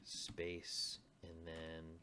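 A tutorial host with a bass voice walks through code in a casual screencast, thinking aloud as he types. His delivery is completely flat, extremely slow, and sharp in tone, with keyboard typing, mouse clicks, and faint noise in the background.

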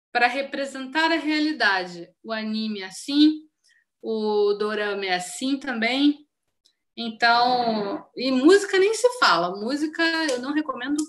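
A woman's voice: a little high, fairly bright tone. Chatty Brazilian woman teaching Japanese. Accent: Brazilian Portuguese. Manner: chatty, explains with many examples and check-ins. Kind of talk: casual live-stream lesson.

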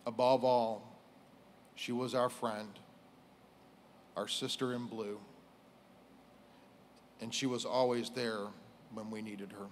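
A middle-aged American man speaks at a funeral in a medium-pitched voice. His delivery is solemn and formal, broken into short, measured phrases. He is on a lectern microphone on a stage, with some noise behind him. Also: flat delivery. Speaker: police chief giving a eulogy. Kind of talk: formal prepared funeral speech.

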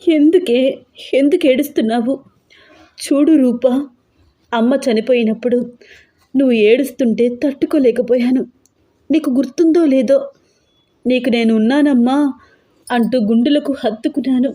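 A woman's voice: high-pitched, normal speed, long pauses, dark tone, pitched above the performer's own voice, lightly acted. A woman voicing a pregnant older sister in a wheelchair, protective and weeping as she pleads in a storybook reading.

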